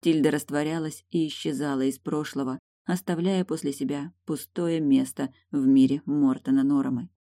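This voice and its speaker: An audiobook narrator reading a novel in a steady, even scripted narration. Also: mid-range voice, normal speed, hardly any pauses, dry recording, clean studio sound.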